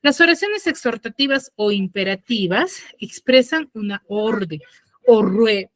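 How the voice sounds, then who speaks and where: A woman's voice: a little high, lively intonation, unhurried, a bit bright, no echo. A woman teacher giving an online grammar lesson on a video call, patiently checking in with her pupils after each point. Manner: patient, asks pupils frequent check-in questions.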